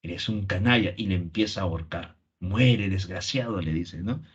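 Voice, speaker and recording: A man's voice: low-pitched, a little fast, breathy edge. A man with a Peruvian Spanish accent, a literature teacher retelling a play for students and acting out its lines. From Peru. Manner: acts out quoted lines, tag questions. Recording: dull lo-fi recording.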